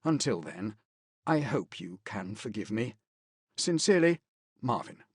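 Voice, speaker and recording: A man's voice: on the low side, sing-song, unhurried, breathy edge, dry recording, studio quality, exaggerated voice. A man playing a contrite, courtly adventurer reading his letter in a game story, formal, earnest and theatrical. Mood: remorseful, hopeful.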